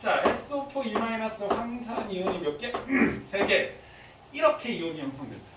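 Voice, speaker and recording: High-voiced man teaching in an echoey classroom. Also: moderate pace. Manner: lively, quizzing students with frequent questions. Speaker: high school chemistry teacher. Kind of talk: classroom lecture. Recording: echoey classroom from far off, faint hiss.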